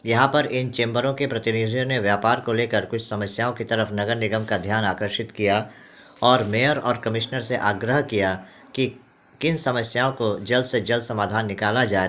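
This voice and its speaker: Bright-voiced male news narrator. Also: on the low side, normal speed. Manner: formal, even news-reading delivery. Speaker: news reporter.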